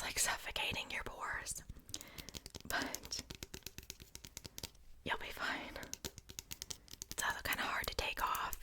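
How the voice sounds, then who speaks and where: A woman doing an ASMR whispered role-play as a makeup artist, speaking softly and intimately to the listener in an unvoiced, breathy whisper.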